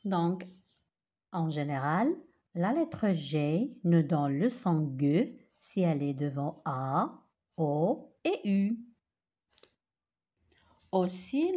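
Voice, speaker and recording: A woman teaching a remote primary-school phonics lesson, repeating each example word slowly and switching into Darija to explain. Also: medium pitch, dark tone, slightly rough.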